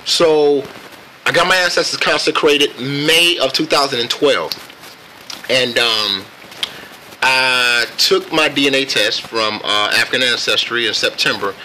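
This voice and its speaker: An American man casually telling a personal story on camera in a reflective, laid-back and halting way. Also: mid-range voice, bright, forceful tone, a little hiss or hum, poor audio. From United States. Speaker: vlogger.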